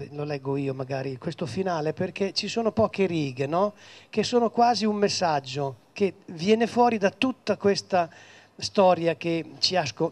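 Man, book event presenter, casual, hesitant, somewhat high voice. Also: darkish tone. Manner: informal, hesitant, with restarts. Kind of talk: casual spoken introduction.

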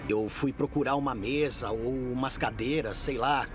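A man with a Brazilian accent voicing an earnest sheriff's deputy in his thirties, in measured documentary interview narration. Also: mid-range voice, over music, natural voice. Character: earnest male sheriff's deputy recounting a rescue.

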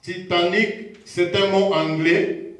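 A man preaching a teaching sermon, slow and repetitive, pausing to check himself as he goes. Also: high voice, fairly even intonation, fairly bright tone. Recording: very echoey room.

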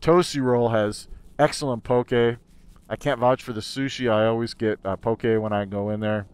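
A man's voice: medium pitch, fairly even intonation, normal speed, a little mellow, clear, resonant tone. A man talking inside a helmet, casually narrating as a vlogger while he rides a motorcycle. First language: English. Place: outdoors on a motorcycle in city traffic. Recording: road, wind and vehicle noise. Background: traffic and motorcycle ride noise.

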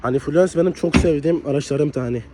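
A young man with a slightly hoarse voice from a cold, chatting casually as he walks around a car outdoors and reviews it, often dropping a filler word. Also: fairly high pitch, fast, noisy background. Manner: chatty, leans on the filler "hani".

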